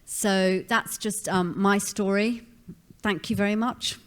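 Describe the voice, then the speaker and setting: A woman speaks as a professor at a seminar. Her pitch is average, and she explains things in a conversational presenting style. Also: steady tone, slow pace.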